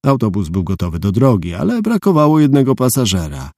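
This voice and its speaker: A man's voice: mid-range voice, big pitch swings, brisk, a little mellow, no echo. A man narrating an audiobook in a dry, matter-of-fact storytelling manner. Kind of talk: scripted narration.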